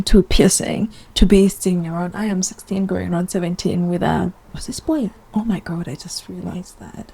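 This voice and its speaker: A woman's voice: medium pitch, warm tone, slightly rough. A woman giving chatty, opinionated commentary in a casual vlog, rambling with asides. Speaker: video essayist.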